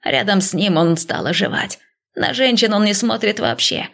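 A gentle male god speaks softly and hesitantly, with a slightly gravelly edge, as a woman reads him aloud. His reassurances come measured and cautious, like a calm deity in an audiobook. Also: mid-range voice.

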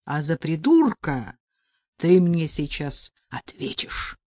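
A woman's voice: deep voice, very animated, slow, dark tone, no room sound, studio quality, exaggerated voice. Woman doing a rude burly male thug. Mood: gruff, mocking.

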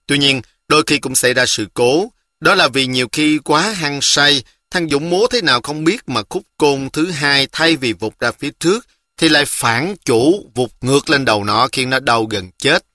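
A man reading a children's novel aloud in a lively storytelling manner. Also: medium pitch, dry recording.

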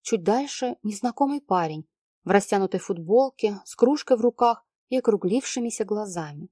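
A woman's voice: medium pitch, expressive, moderate pace, mellow, husky, no echo, clean studio sound. A young woman reading a first-person story aloud as narrator.

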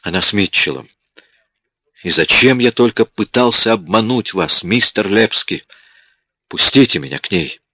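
A man's voice: fairly low pitch, animated, normal speed, pushed and bright, husky, no room sound, heavily acted. A man reading an audiobook, voicing a huge, desperate father who pleads and rages. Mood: pleading. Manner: pleading then roaring in rage. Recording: dull lo-fi audiobook recording.

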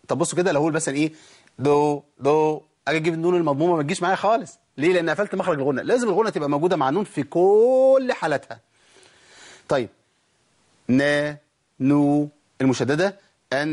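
A man's voice: a little high, darkish tone, breathy edge. A man with an Egyptian accent teaching Quran recitation rules, asking questions and answering them himself while drawing out sample sounds. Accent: Egyptian Arabic. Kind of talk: tajweed lesson.

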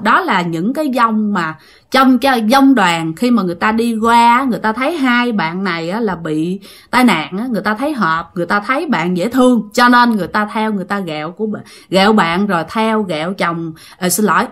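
A woman's voice: medium pitch, a bit bright. Chatty woman storyteller. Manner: chatty, addresses listeners directly. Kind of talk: ghost story narration.

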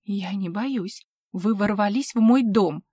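A woman's voice: slow, mellow, slightly rough, no room sound, clean studio sound. Woman reading a panicked young shopkeeper. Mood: shaken. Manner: shrill, panicked protests.

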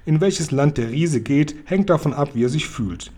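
A good-natured storybook giant who trips over his own words, played by a man with a dark, mellow, slightly husky voice that he lifts a little higher and louder than his reading voice. He speaks in a homely, folksy way. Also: lively intonation, normal speed. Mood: earnest. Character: kind big friendly male giant.

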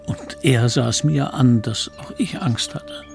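In a scripted first-person radio drama, a man narrates reflectively and confessionally, recalling his guilty boyhood with remorse. His mid-range voice is unhurried and creaky, with music in the background.

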